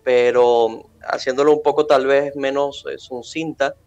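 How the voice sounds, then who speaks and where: A man, answering interview questions in a measured, formal way with many fillers. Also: mid-range voice, fairly even intonation, darkish tone, smooth, dry recording, lo-fi sound. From Venezuela. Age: 20s. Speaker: interview guest.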